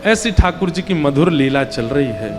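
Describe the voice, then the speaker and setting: High-voiced man preaching a devotional sermon. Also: normal speed, big-room sound, over music. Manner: acts out child and mother voices in the story, lively. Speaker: Bhagavat katha preacher.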